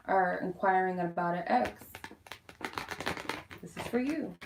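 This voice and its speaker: A woman's voice: on the low side, creaky, reverberant, background noise. A woman chatting informally to viewers as she gives a casual tarot reading on a live stream from home. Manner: informal, chatty, addressing viewers as "you guys". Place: quiet room at home.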